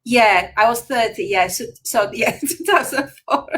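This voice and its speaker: On a video call with poor audio, a retired dog groomer from Slovakia, a native Slovak speaker, joins a casual interview chat as a guest. Her voice is on the high side and animated, a bit bright, at a measured pace. She's talkative, laughs a lot and speaks with loose grammar.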